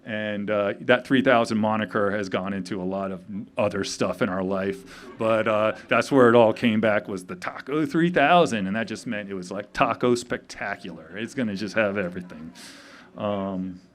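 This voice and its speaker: A man in his fifties, grieving, giving a halting memorial speech full of pauses and fillers at a tavern gathering. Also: lowish voice. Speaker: eulogy speaker. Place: tavern event.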